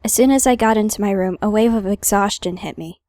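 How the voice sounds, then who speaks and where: A woman's voice: medium pitch, fairly quick, dark tone, no room sound. Wry woman reading a game aloud, dry sound. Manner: wry, playful asides. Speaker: gaming video host. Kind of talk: reading visual novel narration aloud with casual commentary.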